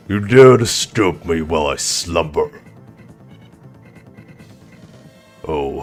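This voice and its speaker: A man voicing an ancient, menacing dragon with contempt for humans, husky and grandiose in a slow video game villain delivery. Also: rumbling low, voice pushed down, full character voice. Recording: game music behind the voice.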